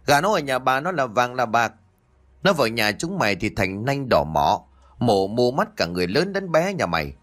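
A man voicing a sharp-tongued village mother-in-law who curses in long shrill tirades. Each line carries her sharp, scolding bite. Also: big pitch swings, normal speed. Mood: cursing.

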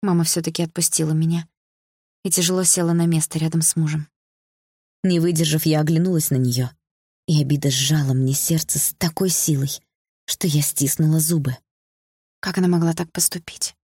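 A woman reads a first-person audiobook in a calm, measured way. Her voice sits low, and the recording is dry and close, with no room sound. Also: slightly rough, no echo. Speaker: audiobook narrator.

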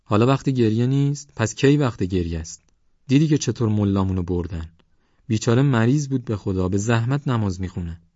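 A man's voice: lowish voice, expressive, mellow, no echo, highs cut off, voice pushed up. A man voicing a grieving older mosque caretaker who speaks tearfully and pleads in an audiobook. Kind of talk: audiobook character voice.

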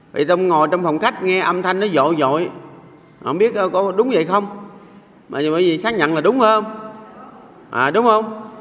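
High-voiced monk preaching slowly. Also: male voice, a bit bright. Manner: jocular, keeps asking the audience to agree. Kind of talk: sermon. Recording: reverberant hall sound.

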